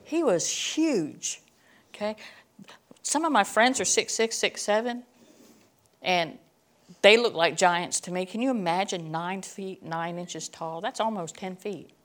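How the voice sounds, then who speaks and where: A woman's voice: medium pitch, a little slow, a bit bright. Chatty middle-aged woman teaching scripture. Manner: chatty, with joking asides. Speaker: Bible teacher. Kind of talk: sermon-style Bible teaching.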